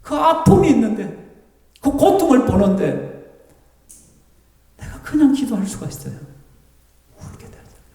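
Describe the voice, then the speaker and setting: High-pitched, animated pastor in an echoey church. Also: male voice, moderate pace, gravelly, pauses often. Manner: animated preaching, acts out tearful prayers and complaints. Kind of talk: sermon. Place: church sanctuary. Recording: echoey church hall, voice from far off the mic.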